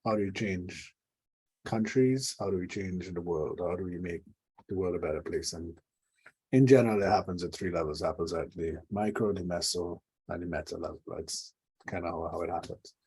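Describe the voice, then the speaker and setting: A man's voice: low-pitched, moderate pace, darkish tone, husky, low-quality recording. A middle-aged man from Trinidad and Tobago, a leadership coach telling reflective stories with dry humor in an interview. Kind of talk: conversational interview.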